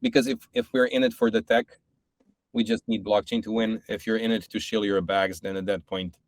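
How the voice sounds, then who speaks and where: A man's voice: fairly low pitch, little pitch movement, brisk, no room sound. A man from Serbia, a podcast guest, talking in a casual, thoughtful way with many restarts. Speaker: podcast guest, startup co-founder. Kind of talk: casual chat.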